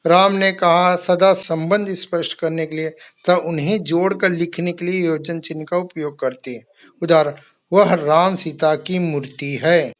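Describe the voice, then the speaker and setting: A man's voice: high-pitched, a bit bright. A man teaching a Hindi grammar lesson to schoolchildren, explaining step by step and reading out example sentences. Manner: addresses pupils kindly as "my children".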